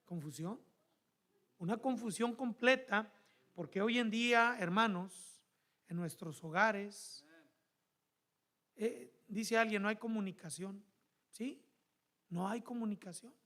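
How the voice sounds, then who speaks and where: A man with a Mexican accent preaching a sermon in church, animated and calling the congregation brothers. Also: sits high, slow, long pauses. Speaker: pastor.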